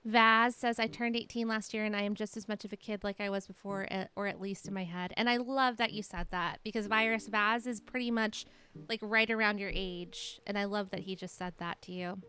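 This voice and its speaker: A woman's voice: medium pitch, fairly even intonation, fairly quick, pushed and bright. A woman in her late thirties, chatting casually on a live stream and encouraging her chat while reading their messages aloud. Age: 30s.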